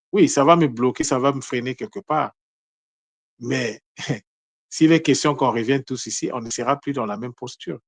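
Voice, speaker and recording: A man delivers a spontaneous spiritual lesson in an earnest tone, circling back over words and restarting his sentences as he thinks. His voice sits at an ordinary middle pitch. The recording is dry and close, with almost no room sound. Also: no room sound. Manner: earnest, repeats words and restarts phrases often. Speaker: spiritual teacher. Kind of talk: unprepared spiritual teaching talk.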